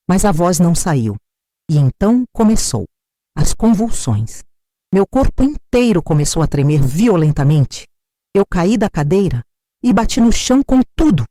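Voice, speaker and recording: A woman's voice: fairly low pitch, dark tone, no room sound, studio quality. An older Brazilian woman narrating a first-person story in a dramatic, emphatic way. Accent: Brazilian Portuguese.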